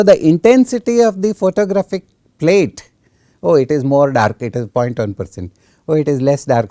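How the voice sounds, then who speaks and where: A man's voice: on the high side, warm tone, no echo, clean studio sound. A man giving a technical science lecture, didactic, often putting questions and answering them himself.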